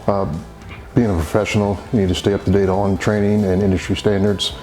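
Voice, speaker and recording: A man's voice: fairly low pitch, level tone, a little fast, darkish tone, soft background music, poor audio. A man from Indiana who works as a professional detailer gives a businesslike testimonial. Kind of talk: testimonial interview.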